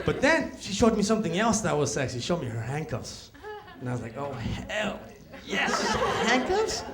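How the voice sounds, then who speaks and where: A man's voice: a little high, fast talker, a crowd in the background. A man performing a stand-up comedy set on a club stage, telling stories with acted quotes. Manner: animated storytelling with acted quotes. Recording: noisy live club recording.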